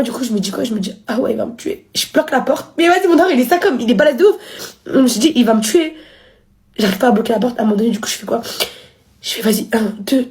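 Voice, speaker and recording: Fast-talking young woman telling her story. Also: darkish tone. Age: 20s. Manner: rapid slangy talk, acting out quotes with big pitch jumps. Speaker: live streamer. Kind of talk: casual storytelling on a livestream.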